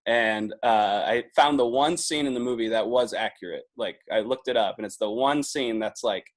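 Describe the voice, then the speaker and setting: A man in his twenties talks as a podcast guest in a relaxed, meandering way. He laughs often and keeps reaching for "like" as he goes. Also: mid-range voice, moderate pace. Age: 20s. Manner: chatty, laughs often, leans on filler "like". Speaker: podcast guest, video producer. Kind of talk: casual podcast chat.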